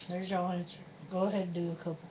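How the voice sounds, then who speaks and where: A woman's voice: lowish voice, level tone, very fast. Folksy woman vlogger, dull lo-fi sound. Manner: informal, folksy, self-deprecating. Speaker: host of a challenge video. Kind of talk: casual vlog chat with a partner. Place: indoors at home, room with a refrigerator. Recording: dull lo-fi sound with faint noise.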